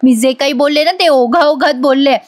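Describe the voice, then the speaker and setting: A woman doing a bitter shouting young wife. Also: high voice, normal speed, close to an everyday voice. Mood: angry. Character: angry young wife rejecting her husband.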